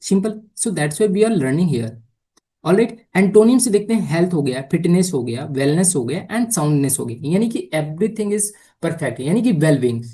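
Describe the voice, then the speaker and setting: A woman teaching English vocabulary for exams, explaining patiently in Hindi mixed with English and often asking whether it is clear. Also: sits low, lively intonation, unhurried, warm tone. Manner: mixes Hindi explanation with English words and sentences. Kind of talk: exam-prep vocabulary lesson.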